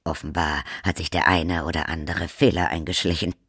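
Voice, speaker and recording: Stern vampire count, as a male narrator does him, pompous measured voice, dry close sound. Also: sits low, fairly even intonation, fairly bright tone, husky, no room sound, voice pushed down, heavily acted. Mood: rueful. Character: stern, self-assured vampire count, father.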